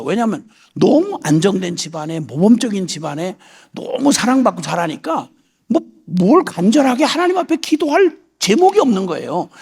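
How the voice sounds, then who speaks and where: A man's voice: high voice, husky. A middle-aged man preaching a sermon as a missionary, telling a story and acting out the voices in it. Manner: animated, acts out voices in quoted prayers.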